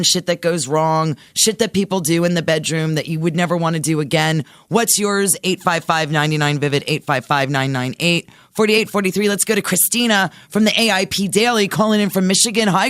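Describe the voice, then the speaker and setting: A woman's voice: lowish voice, moderate pace, hardly any pauses, fairly bright tone, dry recording. A woman hosting a satellite radio talk show, chatting in a brash, profane, self-mocking way at a studio mic. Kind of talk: raunchy casual radio chat.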